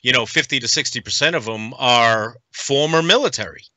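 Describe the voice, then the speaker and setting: A middle-aged man from the United States, a guest in a casual podcast conversation, speaking earnestly and haltingly with frequent pauses. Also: medium pitch, sharp tone, no room sound. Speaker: guest, veteran nonprofit advocate.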